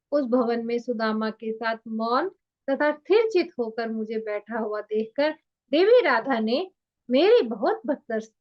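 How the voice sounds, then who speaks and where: A woman reading a religious text aloud in a measured, deliberate way, stopping now and then to explain it. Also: on the high side. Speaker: scripture reader and commentator. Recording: dull lo-fi recording.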